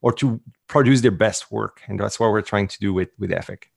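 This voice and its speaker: A man with a French Canadian accent, a native French speaker, talking casually as an interview guest in an informal, halting way. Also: lowish voice, vocal fry, husky, dry recording, clean studio sound. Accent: French Canadian (Quebec French).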